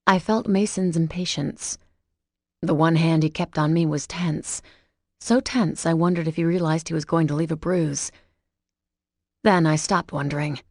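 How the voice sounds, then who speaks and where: A woman reading a first-person romance audiobook in a steady, measured way. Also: sits low, no room sound, studio quality. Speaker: audiobook narrator.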